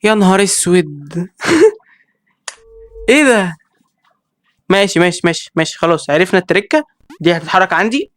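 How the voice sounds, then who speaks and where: A man with an Egyptian accent giving excitable let's-play commentary, reacting with quick exclamations and talking straight to his viewers. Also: high voice, a little hiss or hum. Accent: Egyptian Arabic. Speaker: gaming video creator.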